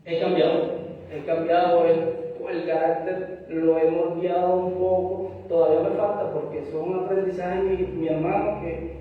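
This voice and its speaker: A man's voice: high voice, flat delivery, moderate pace. A Venezuelan man preaching a sermon earnestly, dropping frequent amens and acting out little dialogues. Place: church hall. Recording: distant, dull, echoey church hall sound.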